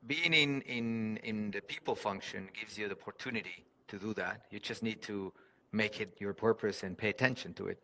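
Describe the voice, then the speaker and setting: A man's voice: on the low side, normal speed, pushed and bright, slight background noise. A man from Argentina, talking earnestly as a guest about his working life. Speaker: podcast guest, HR professional. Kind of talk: conversational interview.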